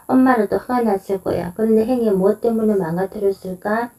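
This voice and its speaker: Gentle mother coaching her little boy read by a woman, soft and mellow, mic at a distance. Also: medium pitch, fairly quick, lightly acted. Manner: gentle, soothing questioning.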